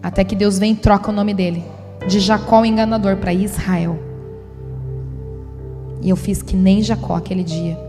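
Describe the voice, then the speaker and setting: A woman's voice: mid-range voice, fairly even intonation, normal speed, long pauses, over music. A woman pastor in her thirties giving a sermon testimony, telling her story with animation and acting out her own thoughts. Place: church conference hall. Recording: live church recording with long hall reverb.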